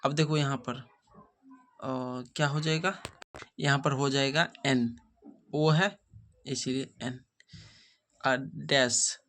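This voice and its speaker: A man's voice: mid-range voice, fairly even intonation, takes it slowly, long pauses, a bit bright. A man teaching an English grammar lesson, asking rhetorical questions and checking whether students follow. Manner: repeats rhetorical questions, checks understanding often.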